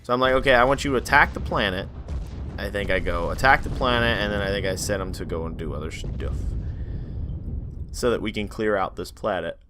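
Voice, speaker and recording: A man's voice: fairly low pitch, a little fast, noisy background. A tired man giving casual, rambling commentary over a strategy game, acting out his own reactions. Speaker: gaming YouTuber.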